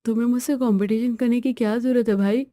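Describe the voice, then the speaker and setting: A woman's voice: fairly high pitch, steady tone, fast, warm tone, dry recording, studio quality, natural voice. A woman voicing a weary, henpecked young husband in a storybook tale, grumbling and pleading.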